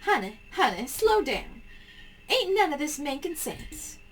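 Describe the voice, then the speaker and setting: A woman's voice: high voice, sing-song, a little slow, faint music behind, pitched above the performer's own voice. A woman voicing a folksy, motherly country doctor in a game, calling people honey and dear. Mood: exasperated.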